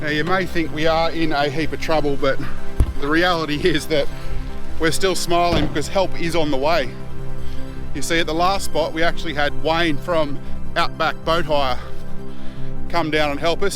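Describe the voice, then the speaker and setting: A man with an Australian accent and a fairly high-set voice chats casually like a vlog host. He is good-humoured and slangy, and music plays clearly behind him. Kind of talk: casual vlog narration and chat.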